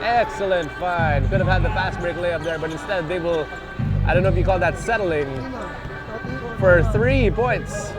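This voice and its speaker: A man's voice: sits high, moderate pace. A man doing live play-by-play commentary on a basketball game. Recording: thin band-limited sound, loud background music.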